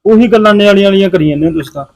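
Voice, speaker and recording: A surly young husband who drinks, with a fairly high voice and a Punjabi accent. He talks quickly and curtly, with open defiance, as in a short film drama. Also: a little mellow, poor audio. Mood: defiant. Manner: curt and defiant. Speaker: husband and son.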